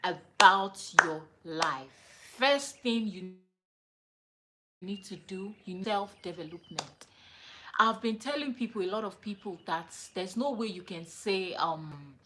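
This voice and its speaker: A woman hosting a livestream, giving a motivational talk in a slow, repetitive, emphatic way with many fillers. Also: fairly low pitch, a bit bright.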